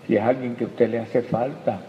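A man preaching a sermon as pastor, calling listeners brother and building to loud, fervent peaks. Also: medium pitch, fairly even intonation, brisk, slight background noise. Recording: echoey hall, dull lo-fi sound.

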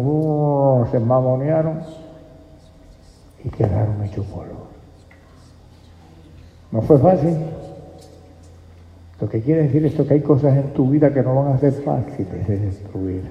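A man giving a testimony sermon, telling his story and often dropping to a hushed, prayerful voice. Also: medium pitch, gravelly. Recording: echoey hall, dull lo-fi sound.

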